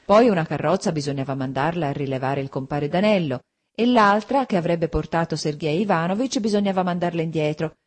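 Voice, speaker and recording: A woman narrating a classic novel as an audiobook in a measured, steady way. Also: sits low.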